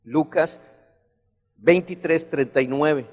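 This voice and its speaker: A man's voice: fairly high pitch, slow, darkish tone, long reverb tail. A man preaching a sermon, rising into emphatic bursts as he retells a story.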